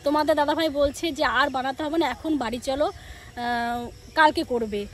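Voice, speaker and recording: A high-pitched woman chats to her viewers while walking home through a village, with a phone in her hand. She has a sore throat and coughs, and she acts out her family's lines as she talks. Crickets and insects chirp faintly behind her. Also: normal speed, slight background noise. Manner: chatty, speaks straight to viewers and acts out family dialogue. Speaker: village lifestyle vlogger.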